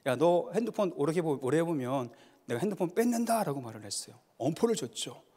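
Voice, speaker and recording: Male pastor, lively and somewhat high voice, preaching in a church hall with long reverb. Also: fairly quick. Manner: storytelling with acted dialogue, emphatic. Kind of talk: sermon. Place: church sanctuary.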